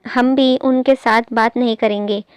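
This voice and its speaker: A woman's voice: a little high, fairly even intonation, a little slow, clear, resonant tone, no echo, lightly acted. A woman voicing a hurt, tearful young mother who pleads in a sulky, childlike way.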